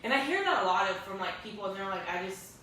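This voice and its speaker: A woman's voice: medium pitch, sing-song, fast, sharp tone. A young woman, telling a painful personal story in an earnest, emotional way with many fillers. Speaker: guest sharing her story. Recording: echoey room, distant mic, faint hiss.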